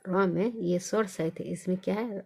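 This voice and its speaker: A woman leads a basic reading lesson, posing questions and answering them herself while slowly repeating each sound. Her voice sits fairly low and is gravelly and mellow with a breathy edge.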